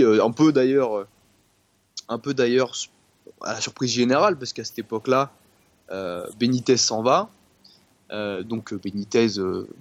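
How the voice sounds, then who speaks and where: A man's voice: lowish voice, dry recording, dull audio. A man, a guest football specialist on a casual podcast, rambling and repeating words. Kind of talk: casual sports podcast chat.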